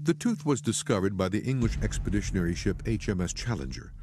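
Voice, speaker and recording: A man's voice: on the low side, expressive, fast talker. A man reading scripted narration as the narrator of a documentary. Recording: loud music under the voice. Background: music.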